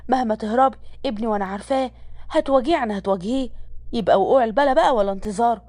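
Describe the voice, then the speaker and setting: A woman's voice: fairly high pitch, rapid-fire, darkish tone, no echo, clean studio sound, lightly acted. Woman playing a fussing older Egyptian mother. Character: kindly older mother, teasing but caring.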